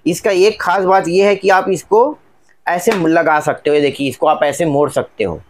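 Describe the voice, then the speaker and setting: A man narrating a casual product unboxing for viewers, chatty and repetitive, often pointing things out. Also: sits high. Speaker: tech reviewer.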